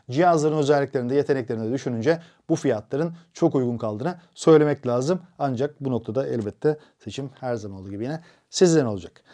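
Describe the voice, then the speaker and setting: A man's voice: a little high, mellow. A man presenting a tech product review, explaining steadily with frequent hesitation fillers.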